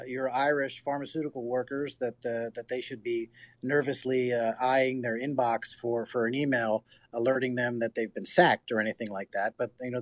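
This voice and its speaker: An American man answering interview questions as a spokesman, in a halting, measured way. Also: mid-range voice, no room sound. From United States. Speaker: campaign spokesman.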